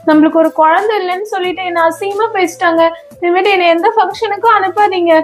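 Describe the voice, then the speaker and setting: A woman playing a mother in a family comedy skit, scolding and sharp-tongued. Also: extremely high pitch, fairly even intonation, quick pace, soft background music.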